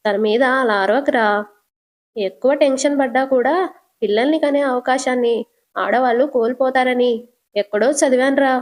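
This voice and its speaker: A woman's voice: sits high, normal speed, pauses often, natural voice. A woman reading a sly scheming father. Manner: coaxing, sly. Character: scheming middle-aged father, smug and manipulative.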